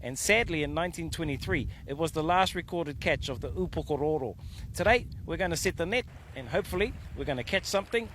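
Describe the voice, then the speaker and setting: A man's voice: on the high side, expressive, quick pace, fairly bright tone, poor audio. A man with a Māori New Zealand English accent reporting on location as a news presenter outdoors. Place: outdoors by a river valley. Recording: outdoor location with background vehicle noise.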